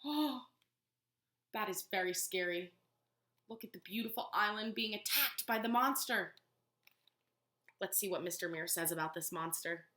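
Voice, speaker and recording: A preschool teacher with a mid-range voice reads a picture book aloud, animated and expressive, stopping now and then to ask the children questions. The room is echoey.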